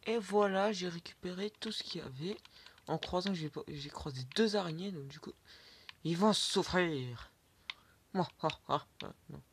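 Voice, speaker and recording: A gaming YouTuber with a high-pitched voice narrates his Minecraft let's play at a measured pace, with a little hiss or hum in the audio. He talks to himself, swears, and sometimes drops to a whisper, while keyboard and mouse clicks sound in the background.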